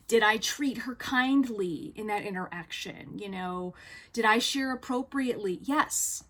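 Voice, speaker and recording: A woman talks straight to the camera in a relaxed vlog, recounting an awkward encounter. She rambles a little with plenty of fillers, and she slips into the voices of the people she quotes. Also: medium pitch. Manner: chatty, many fillers, acts out quoted dialogue. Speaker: vlogger on living with BPD. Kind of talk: casual storytelling monologue.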